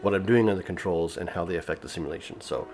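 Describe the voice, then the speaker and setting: Man, low voice, casual rambling vlog update, fillers and restarts, faint music under. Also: fast. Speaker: YouTube gaming channel host. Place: home gaming setup.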